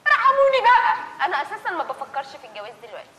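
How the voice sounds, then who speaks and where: An actress with an Egyptian accent playing a grumbling young daughter who refuses to marry. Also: female voice, extremely high pitch, huge pitch swings, racing, roomy sound, big-room sound, heavy background noise, heavily acted. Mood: defiant. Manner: grumbling, defiant. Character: sulky young Egyptian daughter resisting marriage. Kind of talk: live comedic stage acting.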